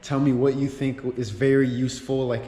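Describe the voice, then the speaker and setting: A man chats casually to his viewers like a car vlogger showing them around. He rambles with excitement and uses plenty of slang. His voice echoes strongly off the walls of a big indoor workshop, with a long reverberant tail. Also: medium pitch, a little fast. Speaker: YouTube car-channel host. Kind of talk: casual vlog walkthrough.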